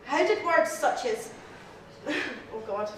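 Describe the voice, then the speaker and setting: A Scottish woman gives a humorous toast speech. She is nervous and giggles between her lines, and her voice sits high. She is recorded from far off in a very echoey hall with faint background noise. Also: expressive, slow pace. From Scotland. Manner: giggly, laughs often between lines, apologizes a lot. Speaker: speaker giving the reply to the toast to the lassies.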